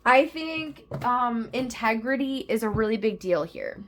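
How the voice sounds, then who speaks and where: A woman's voice: a little high, lively intonation, a little slow, a little hiss or hum. Upbeat, tired woman reading tarot. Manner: upbeat, chatty, effusive and enthusiastic. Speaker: tarot reader.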